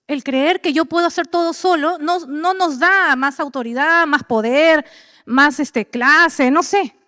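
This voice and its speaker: A woman's voice: high voice, a little slow, bright, forceful tone, no echo, clean studio sound, in a large hall. A middle-aged woman pastor, preaching animatedly and acting out the voices of believers and of God. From Peru. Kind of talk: sermon.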